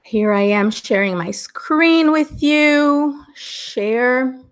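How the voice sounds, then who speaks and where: Speaking extremely slowly in a high register, this upbeat English exam teacher chats and laughs her way through a live online class. She is a middle-aged Brazilian woman, a native Portuguese speaker, whose accent carries an Americanized English influence.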